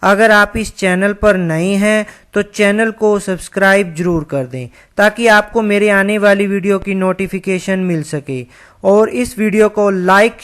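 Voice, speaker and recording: A woman teaches an online English lesson at a very slow, deliberate pace. Her voice sits at an ordinary middle pitch. She explains patiently and spells words out letter by letter.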